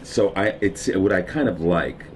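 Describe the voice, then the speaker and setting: A middle-aged New Yorker from the United States reflects at length as the subject of a documentary interview on a houseboat on a river, musing and wandering with fillers and restarts. His deep voice moves at a measured pace, with a little hiss or hum in the recording.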